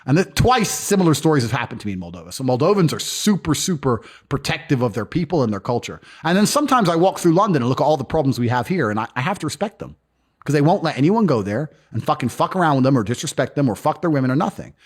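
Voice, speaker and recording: A man's voice: mid-range voice, breathy edge. A man telling stories in a casual interview, blunt and profane. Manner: fast, animated, profane storytelling. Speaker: guest.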